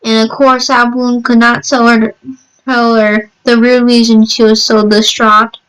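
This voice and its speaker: Woman, horror story narration, higher-pitched, smooth clear tone, halting delivery with repeated words. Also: level tone, fairly bright tone, poor audio.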